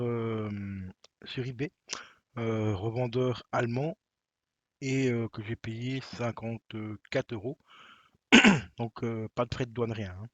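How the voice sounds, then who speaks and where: A man's voice: medium pitch, a bit bright, no echo, lo-fi sound. A man casually presenting a vinyl record unboxing to his viewers, hesitant, with many fillers. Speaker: vinyl collector vlogger.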